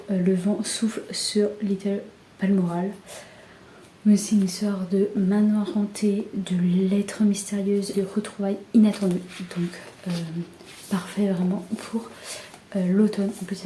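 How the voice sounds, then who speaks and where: Soft-spoken young woman, half-whispering. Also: medium pitch. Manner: soft, often half-whispered, with many fillers. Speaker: book vlogger. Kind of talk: casual book haul chat. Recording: echoey room with faint background hiss.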